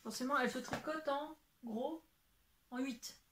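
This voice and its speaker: A young woman with a fairly high voice talks at home in front of her shelves. She rambles through her knitting projects with lots of fillers and restarts, now and then letting slip a swear word and apologizing for it. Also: unhurried, fairly bright tone, slight background noise. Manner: rambling, chatty, many fillers and self-corrections. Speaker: knitting podcaster. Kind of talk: casual chat showing knitting to camera.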